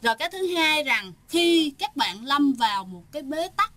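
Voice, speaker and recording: A woman's voice: high-pitched, big pitch swings, normal speed, pushed and bright, no room sound. A woman telling a ghost story in a casual, chatty way, often turning to speak straight to her listeners.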